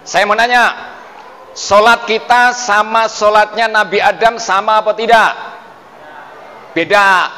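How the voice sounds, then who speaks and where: A male preacher giving a sermon, who questions his listeners, calls them "Pak", and chants verses slowly. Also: sits high, steady tone, sharp tone. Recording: distant mic in a reverberant hall with faint ambience.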